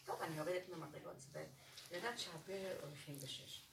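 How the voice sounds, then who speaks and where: An older woman shares a personal anecdote with a class in a lively, expressive way. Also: low-pitched, gravelly. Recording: roomy, distant, very noisy room recording.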